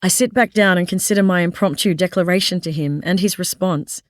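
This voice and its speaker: Woman reading a first person audiobook, lowish voice, confiding tone, super dry close mic. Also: a little fast, dry recording. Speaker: audiobook narrator. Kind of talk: first-person scripted narration.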